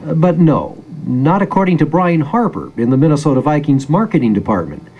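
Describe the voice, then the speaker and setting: A man's voice: fairly high pitch, animated, brisk, husky, dull audio. A man with an American accent narrating a scripted news feature as a public radio reporter, in a storytelling manner.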